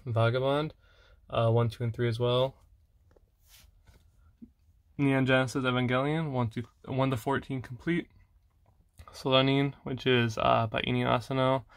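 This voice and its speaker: A young man casually showing off his manga collection, rambling with fillers and soft laughs. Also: medium pitch, level tone, a little slow, pauses often, dry recording, studio quality.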